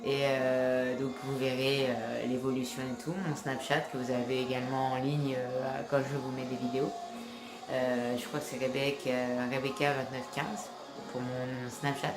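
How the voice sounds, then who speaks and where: Over background music in an echoey room, a young French woman vlogs to her phone camera while stuffed up with a cold, rambling with lots of fillers and restarts. Her very deep voice is flat and moderately paced, and the recording quality is low.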